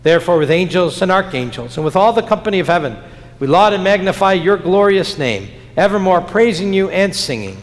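Male pastor, fairly high voice, solemn chanted prayer cadence, long cathedral echo in a big chapel. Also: lively intonation, a little fast. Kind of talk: liturgical prayer. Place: large church chapel. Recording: long church reverb.

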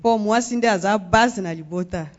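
A woman from Congo, a guest speaking in measured phrases and pausing for an interpreter in a church. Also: mid-range voice, highs cut off. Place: church sanctuary.

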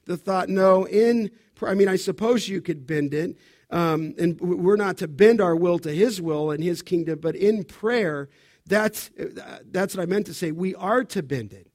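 A pastor preaching an expository sermon, emphatic, pausing to let the congregation fill in key words. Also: male voice, high-pitched, a little mellow.

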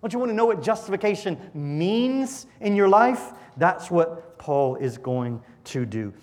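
Animated preacher in a reverberant hall. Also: male voice, high-pitched, measured pace. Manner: emphatic, rhetorical questions, swings loud and soft. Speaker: pastor. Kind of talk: sermon.

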